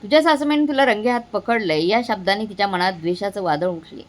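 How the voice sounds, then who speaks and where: A woman narrating a family moral story, reading every part in the same steady voice. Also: mid-range voice, fast talker. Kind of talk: scripted narration.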